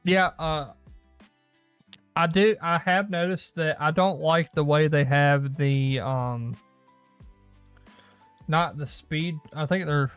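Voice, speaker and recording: Chatty rambling man, clear close voice. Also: a little high, fairly even intonation, takes it slowly, long pauses, no echo, faint music behind. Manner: rambling, self-correcting, laughs often. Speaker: host of a gaming news show. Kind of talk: casual solo gaming chat.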